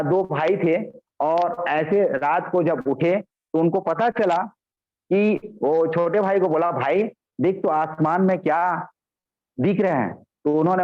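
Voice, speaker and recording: High-pitched guy doing a motivational training over a video call, repeats stuff for emphasis, dull lo-fi audio. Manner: addresses listeners as companions, repeats points for emphasis. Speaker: business trainer.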